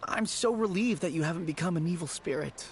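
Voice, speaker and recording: A man voicing a mild, nostalgic character in an anime game, gentle and earnest. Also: on the high side, brisk, slight background noise, lightly acted. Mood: relieved. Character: mild, nostalgic man fond of his childhood friend.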